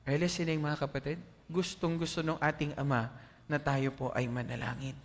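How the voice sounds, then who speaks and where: A Filipino-accented male pastor preaches in an animated, conversational way, often putting questions to his listeners. His voice sits a bit high for a man. It rings with the long reverb of a church hall. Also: brisk. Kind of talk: sermon.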